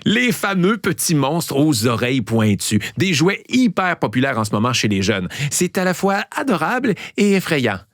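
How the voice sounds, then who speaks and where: A man with a Québécois accent hosting a show, playfully telling riddles and trivia and repeating each clue slowly. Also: medium pitch. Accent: Québécois French. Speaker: podcast host. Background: background music.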